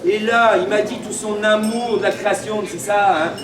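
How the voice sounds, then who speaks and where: A man's voice: sits high, steady tone, normal speed. A man speaking as a town crier, hosting a gathering with theatrical, declamatory and playful public proclamations. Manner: declamatory, playful, addressing the crowd. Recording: echoey, distant mic in a crowd. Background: crowd.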